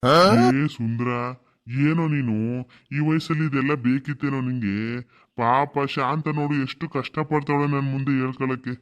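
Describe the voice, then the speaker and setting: A man's voice: medium pitch, fairly even intonation, normal speed, natural voice. A man voicing a hard-of-hearing old grandfather, the family elder, scolding and preaching in a cartoon.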